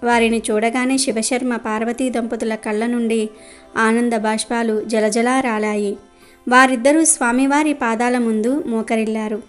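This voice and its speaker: A woman narrating a devotional story in a steady, gentle way. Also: a little high, normal speed, soft background music.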